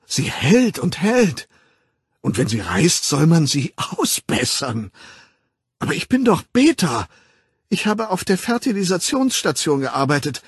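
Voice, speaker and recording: A man reading an audiobook voices a distraught, tearful middle-aged woman who pleads, whines and breaks into husky whispers. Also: fairly high pitch, very animated, a little slow, dry recording, clean studio sound, voice pushed up, exaggerated voice. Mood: pleading, tearful.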